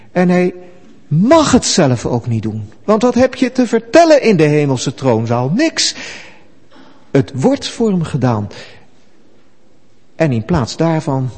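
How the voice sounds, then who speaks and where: Slow, animated husky preacher man. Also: fairly high pitch, in a large hall. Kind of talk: sermon.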